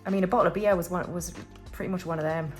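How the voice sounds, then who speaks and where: With faint music behind her, a British budgeting vlogger in her forties talks rapid-fire in a fairly low voice with fairly even intonation. Stuffing cash envelopes, she chats and rambles, often restarting and dropping in fillers.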